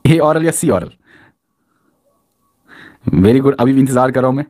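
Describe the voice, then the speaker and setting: A man's voice: mid-range voice, measured pace. A man teaching a live online quiz class, reading out student answers and cheering them on with repeated praise. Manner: energetic, encouraging, repeats praise.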